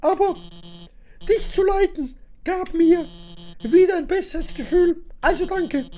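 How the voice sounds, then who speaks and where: Woman doing a high, stammering nerdy lizard scientist. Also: unhurried, dark tone, a little hiss or hum. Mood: shy, heartfelt.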